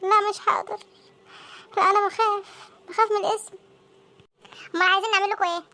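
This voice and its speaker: A woman with an Egyptian accent voicing panicky teenage students in a comic cartoon, talking in frantic, squeaky chatter. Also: little pitch movement, fast, bright, forceful tone, exaggerated voice. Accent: Egyptian Arabic. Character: panicky teenage students dreading exam results.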